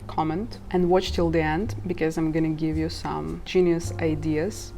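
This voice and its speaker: With a deep, gravelly voice and level tone at a moderate pace, a woman in her twenties chats casually to camera about making money online. She's a vlogger from Ukraine whose native language is Russian, occasionally laughing at herself as guitar music plays in the background.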